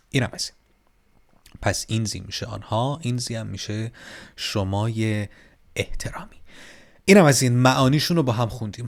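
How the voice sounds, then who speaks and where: A man teaching a casual online German grammar lesson, lively, and repeating words slowly so learners can copy the pronunciation. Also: medium pitch, vocal fry.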